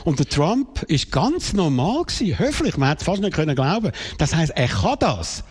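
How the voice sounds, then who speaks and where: A man's voice: on the high side, sing-song, moderate pace, husky. A man with a Swiss German accent co-hosting a casual debate, probing and pressing his partner for serious answers. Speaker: debate co-host.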